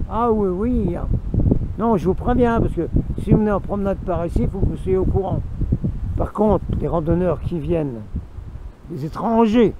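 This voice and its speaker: Man, fairly high-pitched and gravelly, rambling vlog storyteller with running asides; faint noise in the background. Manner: rambling, repetitive, talks to himself in asides. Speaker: vlogger. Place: outdoors in the mountains.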